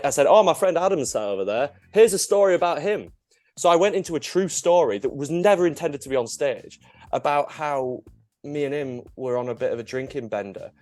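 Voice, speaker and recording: A young man, a comedian, tells a story in a loose, casual way at a middle pitch. He is animated, breaks into laughter often and swears freely. His voice is close and dry, with faint music behind. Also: no echo. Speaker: comedian guest.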